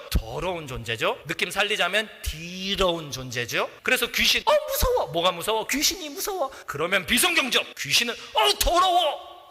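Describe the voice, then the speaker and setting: A middle-aged man preaching a sermon as a pastor in a church, animated, acting out voices and shouting at times. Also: extremely high pitch. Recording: long church reverb.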